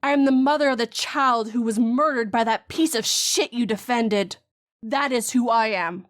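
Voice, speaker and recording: A woman voicing a vengeful grieving mother who speaks calmly and mockingly in a horror story. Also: fairly high pitch, dry recording, studio quality, lightly acted. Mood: coldly menacing. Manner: slow, calm and mocking.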